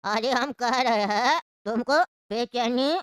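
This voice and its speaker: A woman voicing a scheming old uncle in a cartoon, coaxing and evasive, over loud background noise. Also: high voice, fast, close to an everyday voice. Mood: sly. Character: scheming old male uncle, tea-maker.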